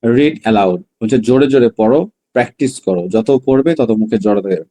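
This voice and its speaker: A man with a dark, mellow voice leads a language class. He sounds out each word slowly and repeats it several times. Between drills he breaks into fast explanations. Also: medium pitch. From Bangladesh. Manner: drills words slowly, then explains in quick bursts. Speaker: Chinese language teacher. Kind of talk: online class lesson.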